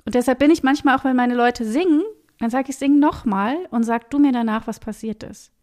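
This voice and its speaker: A woman with a slightly high voice talks about teaching singing in a relaxed podcast conversation. She is lively and keeps slipping into small acted-out exchanges with her students, recorded on a podcast microphone. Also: brisk. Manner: animated, acts out little dialogues in voices.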